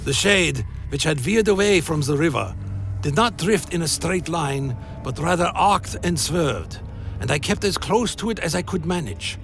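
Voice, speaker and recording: Higher-pitched man solemnly narrating dark fantasy. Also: animated, moderate pace, vocal fry, soft background music.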